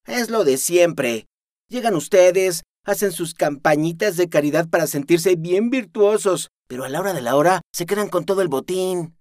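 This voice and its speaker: A man's voice: high voice, no room sound, clean studio sound, voice pushed up, lightly acted. A man reading an audiobook and voicing a furious, foul-mouthed young man from the streets. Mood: scornful. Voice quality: shouting, cursing, rapid bursts.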